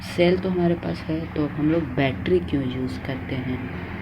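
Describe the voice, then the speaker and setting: A man's voice: a little high, measured pace, highs cut off, very noisy. A man teaching a lesson, dictating notes to students word by word and correcting his own slips. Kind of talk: slow classroom lesson.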